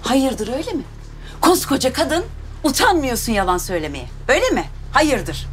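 An actress playing an angry, overprotective mother who shouts and accuses a neighbor. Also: high-pitched, very animated, normal speed, a little hiss or hum. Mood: furious. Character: furious overprotective mother, middle-aged woman. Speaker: actress in a TV drama.

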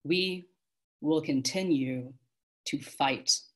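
A woman voicing a commanding celestial being who makes slow, solemn pronouncements. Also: low-pitched, fairly bright tone, exaggerated voice.

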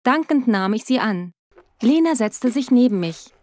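A woman narrating her own story in the first person in a steady, scripted storytelling manner. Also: on the high side, measured pace.

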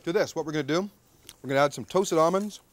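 High-pitched and fast-talking, this man in his thirties hosts a TV cooking show from an outdoor backyard grill deck. He's chatty and full of jokes, and he keeps ending lines with "okay?" as he demonstrates.

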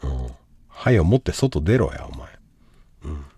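A man's voice: a bass voice, very animated, unhurried, breathy edge, dry recording. Brash man, wildly swinging voice. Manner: brash, insulting, impatient, swinging from mumbles to shouts. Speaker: livestream host giving advice. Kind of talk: livestream chat reading comments.

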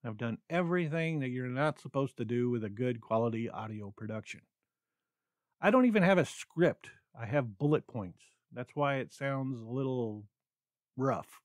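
A man's voice: mid-range voice, dry recording. A man hosting his own solo podcast, talking without a script, rambling with many ums and stammers. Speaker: podcast host. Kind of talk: unscripted solo podcast talk.

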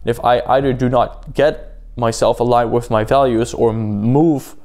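A man's voice: mid-range voice, steady tone, measured pace, darkish tone. Rambling man hosting a solo podcast. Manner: rambling, filler-heavy, asks listeners rhetorical questions. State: sleepy, yawning at times. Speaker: podcast host. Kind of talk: casual solo podcast talk.

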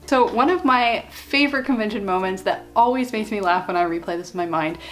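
In a small bedroom, a vlogger in her twenties chats animatedly to her webcam, telling stories and acting out what her friends said. Her mid-range voice moves a little fast, with soft music playing in the background.

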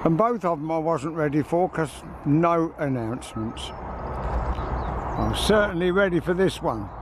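A man's voice: on the high side, a little slow. A man giving a chatty, playful, casual running commentary as a vlogger outdoors. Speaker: trainspotting vlogger. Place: open railway platform. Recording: handheld camera outdoors, clear background noise.

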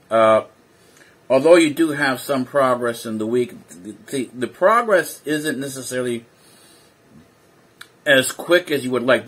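A man's voice: mid-range voice, a bit bright, husky. A man talking casually in a vlog while sitting indoors, rambling and hesitant with many fillers and restarts, a little sleepy. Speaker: vlogger. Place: indoors, seated.

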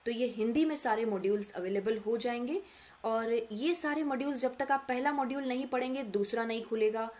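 This screen-recorded walkthrough features a woman mentor showing students around an online course portal, patiently explaining step by step and talking to them directly. She speaks briskly in a slightly high, slightly mellow voice.

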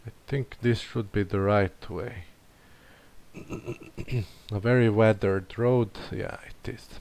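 A man's voice: lowish voice, takes it slowly, darkish tone. A man thinking aloud as he plays a map-guessing game, muttering and questioning himself. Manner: muttering, hesitant, self-questioning. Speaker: game streamer. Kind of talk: thinking aloud while playing.

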